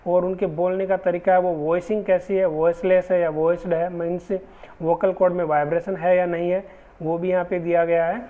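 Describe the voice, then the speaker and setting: A man teaching English phonetics in a slow, patient lecture, repeating each example word with care. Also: high-pitched, flat delivery. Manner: patient, deliberate, repeats example words slowly. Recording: dull lo-fi recording.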